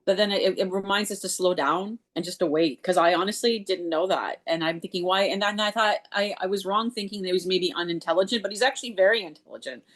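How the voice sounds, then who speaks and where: A woman from Canada, the parent of a deafblind teenager, telling her story on a video call with candid, rambling phrasing and many "like" fillers. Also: lowish voice. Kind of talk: online group discussion.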